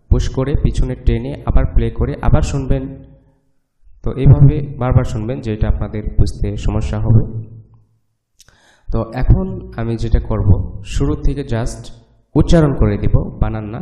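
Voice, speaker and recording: A man's voice: medium pitch, normal speed, pauses often, mellow. A man teaching Quran reading who patiently spells out each syllable and then blends the word. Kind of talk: slow spelling-out lesson. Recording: echoey room, mic at a distance.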